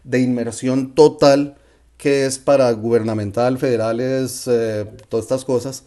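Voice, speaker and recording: A man's voice: medium pitch, steady tone, measured pace, dark tone. A man with a Colombian accent who hosts a casual interview in a chatty way and adds his own thoughts. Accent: Colombian Spanish. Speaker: podcast host.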